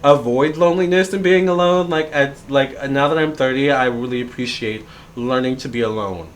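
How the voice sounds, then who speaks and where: A man's voice: mid-range voice, normal speed, slight background noise. A man of thirty, a tarot reader, talking through a casual, reflective vlog monologue and rambling with plenty of fillers and restarts.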